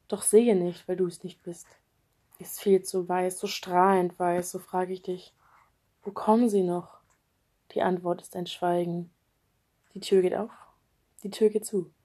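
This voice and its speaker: Woman doing a dramatic poetry reading, mellow warm voice, intense, goes from loud to whispery. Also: mid-range voice. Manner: intense, swings between raised voice and whisper. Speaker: reader. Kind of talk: dramatic reading of a poetic text.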